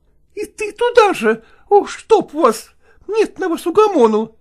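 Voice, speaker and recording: A feisty young village cook, as a reader puts her on, her voice leaping very high and loud as she scolds the men. She snaps back in rough folk speech, shrill and quick to threaten. It is performed within a read-aloud story. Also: big pitch swings, heavily acted. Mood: scolding. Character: young peasant woman cook, sharp-tongued and feisty. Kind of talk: dramatized story reading.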